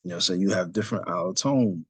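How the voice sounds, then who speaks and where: A man leads a casual religious study session, talking loosely with lots of fillers and asides. His voice is deep and husky and he speaks fast, with no room sound.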